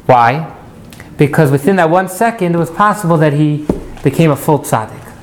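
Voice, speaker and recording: A man's voice: fairly high pitch, moderate pace. A man teaching a class as an interactive lecture, putting questions to his students and repeating key points. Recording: noisy live classroom recording.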